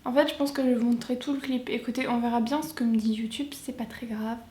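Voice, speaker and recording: A woman's voice: on the high side, steady tone, fast, roomy sound, background noise. A young French woman reacting to and translating a song, chatty and thinking aloud with hesitations. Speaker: music video reactor.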